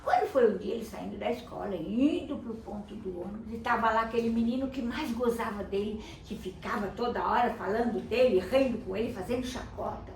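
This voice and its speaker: An older woman telling a children's story, animated, putting on voices for the characters. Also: a little high, a little fast, vocal fry, few pauses, a little hiss or hum. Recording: echoey room from a distance, faint ambience.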